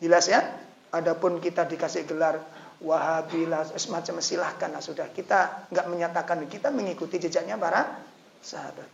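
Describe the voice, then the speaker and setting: A man preaching an animated, joking sermon to an audience in a lecture hall. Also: on the high side, moderate pace, gravelly, slight background noise. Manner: animated, joking, switching into local dialect. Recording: echoey, slightly dull lecture recording.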